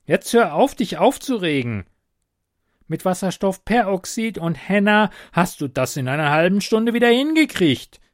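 A man reading a story aloud, voicing Sally, a small, boastful and cheeky male kobold in a high, excitable, wheedling voice. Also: normal speed, no echo, studio quality.

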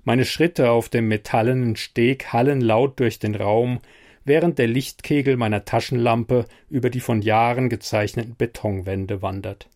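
Male narrator, tense first-person horror reading, mid-pitched. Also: steady tone, moderate pace, darkish tone. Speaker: storyteller.

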